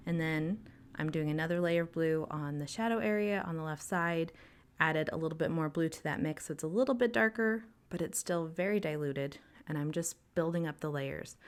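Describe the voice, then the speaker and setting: A young woman narrating a painting tutorial voice-over, breathy and out of breath, explaining calmly with frequent ums. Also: deep voice. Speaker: art instructor.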